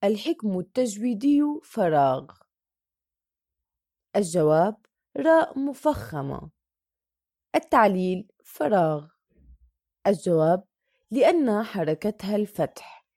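A woman's voice: medium pitch, sing-song, takes it slowly, pauses often, mellow, no room sound, studio quality. A woman teacher reading a Quran recitation worksheet aloud, going through each question and answer methodically and drawing out the example words.

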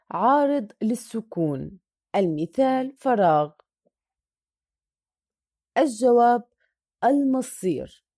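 A woman's voice: a little high, darkish tone, dry recording, studio quality. A woman teacher reading a Quran recitation worksheet aloud, going through each question and answer methodically and drawing out the example words.

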